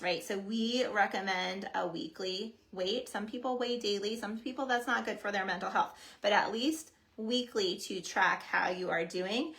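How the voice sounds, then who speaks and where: A woman's voice: mid-range voice, vocal fry, a bit bright, poor audio. A woman fitness coach co-hosting a casual coaching webinar, explaining tips step by step in a friendly way. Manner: explains step by step, friendly, tags points with "right?".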